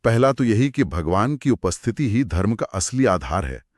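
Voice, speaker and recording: Male co-host, deep voice, very lively intonation, dry close sound, dramatic storytelling delivery. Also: no room sound. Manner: dramatic, expressive narration with slowed pauses. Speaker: co-host retelling scripture. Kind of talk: conversational storytelling discussion.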